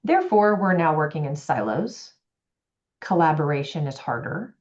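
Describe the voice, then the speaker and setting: A woman executive coach talking in a podcast conversation, animated and acting out quoted voices. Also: sits low, moderate pace. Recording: dull lo-fi audio.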